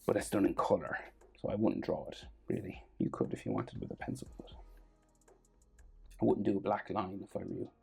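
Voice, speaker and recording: A drawing tutorial host with a mellow, gravelly voice and faint music behind. The instruction is casual and step by step, delivered in halting fragments as if thinking aloud. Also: deep voice. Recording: background noise and music.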